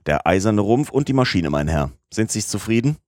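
A man voicing a blustering American sea captain who shouts curses and chokes with rage. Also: fairly low pitch, big pitch swings, fairly quick, no echo, clean studio sound, pitched above the performer's own voice. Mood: gruff bargaining.

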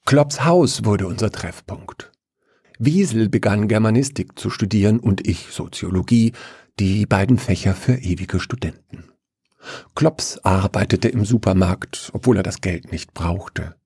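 A man with a low, husky voice reads a story aloud in a wry, even manner. The sound is close and dry. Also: a little slow, no echo. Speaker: narrator.

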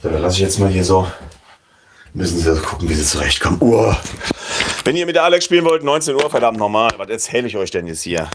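A man's voice: deep voice, very animated, fast talker. A man chatting casually while playing a game, rambling, muttering to himself and swearing now and then. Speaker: let's play commentator. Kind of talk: casual gameplay commentary. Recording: roomy, distant mic, noisy background.

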